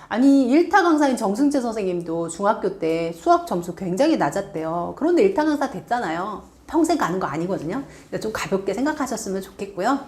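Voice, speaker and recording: A middle-aged woman, a teacher and author, giving advice to parents and acting out what parents and children say. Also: mid-range voice. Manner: lively, acts out parent and child lines.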